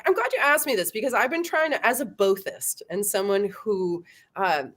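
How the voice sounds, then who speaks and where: A middle-aged woman talks as an interview guest in a loose, animated way. Her pitch swings widely as she goes, and she laughs often, tossing in "you know" and "right?" between her points. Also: normal speed. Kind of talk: casual conversational interview.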